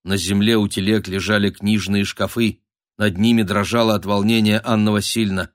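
A man narrating a dark period thriller audiobook in a dramatic storytelling manner. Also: on the low side, level tone, normal speed, no echo, studio quality. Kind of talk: scripted narration.

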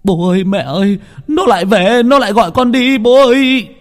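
A man doing a shrill, terrified possessed young man. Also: normal speed, natural voice. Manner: shrill panicked crying out, then faint whisper.

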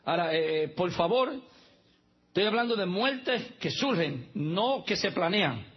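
A man's voice: sits high, lively intonation, unhurried, husky, highs cut off. A man preaching a sermon as pastor, mixing humorous asides with teaching and spelling out words letter by letter.

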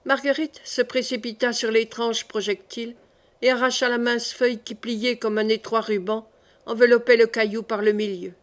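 A woman narrating a classic novel in a measured, clear reading style. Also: a little high, flat delivery. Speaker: audiobook narrator.

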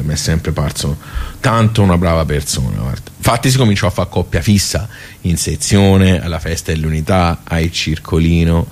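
With a Tuscan accent and a low male voice, a village club regular looks back fondly on the past, chatting away in a folksy manner and drifting into digressions. It plays like a colloquial radio theatre monologue, with a little background noise.

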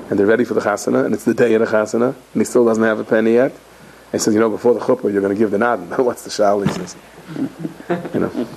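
Middle-aged rabbi, gravelly and husky voice, animated storytelling sermon, slips into characters. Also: male voice, mid-range voice, low-quality recording. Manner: animated, acts out characters in stories, frequent Yiddish and Hebrew terms. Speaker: rabbi giving a talk.

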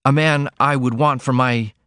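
In an audiobook reading, a man voices an earnest, innocent young woman confiding in her mother, pitching above his own natural voice yet staying close to an everyday sound. His delivery is medium-pitched, steady, and normal in speed, with a clear, resonant, slightly bright tone. The studio-quality recording has no room sound.

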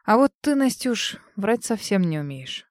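A woman voicing a tired, tender man who pleads quietly in an audiobook. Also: very animated, measured pace, no echo, studio quality. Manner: soft, lowered, hushed delivery.

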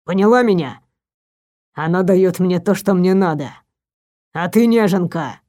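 A woman's voice: fairly low pitch, a little slow, mellow, pitched below the performer's own voice, natural voice. A woman reading an audiobook voices a cruel, domineering man who hisses and barks his commands. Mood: cold contempt. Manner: hissing, barking commands. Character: domineering cruel male doctor, cold and contemptuous. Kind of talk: audiobook character voice.

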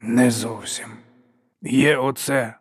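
A man's voice: mid-range voice, steady tone, slow pace, breathy edge, dry recording, clean studio sound. Man voicing a bitter, sardonic crippled inquisitor. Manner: sardonic, wry understatement.

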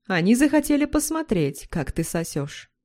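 A woman voicing a pushy, domineering young man in a read-aloud story, rough and bossy. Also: medium pitch, sing-song, normal speed, warm tone, voice pushed up, close to an everyday voice.

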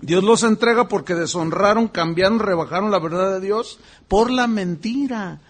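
A man preaching a sermon as pastor, animated and acting out voices and exclamations. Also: high-pitched, moderate pace.

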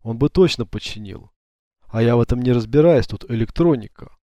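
A man reading a calm, watchful companion. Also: medium pitch, a little fast, dry recording, natural voice. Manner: calm, quiet. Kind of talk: audiobook character voice.

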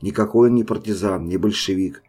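A man's voice: fairly low pitch, fairly quick, warm tone, husky. A man reading an audiobook, voicing a frightened old peasant woman who pleads timidly. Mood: pleading.

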